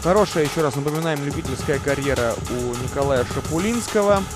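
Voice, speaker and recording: A man's voice: a little high, fast talker. A man giving live sports commentary, reciting fighter statistics in an informational way. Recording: loud music behind the commentary.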